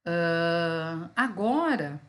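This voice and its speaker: A Brazilian woman who teaches at a law school gives an online vocabulary lecture, illustrating word meanings with examples. Her fairly low voice is expressive and a bit bright, and she draws out her words. She speaks with a Brazilian Portuguese accent and keeps checking in with fillers like "né" and "tá."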